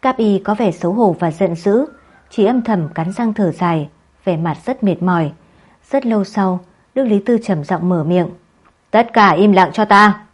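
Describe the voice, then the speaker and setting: A woman reading a novel aloud in a steady, measured storytelling voice. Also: medium pitch, slightly rough, dull audio. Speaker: narrator. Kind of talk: scripted audiobook narration.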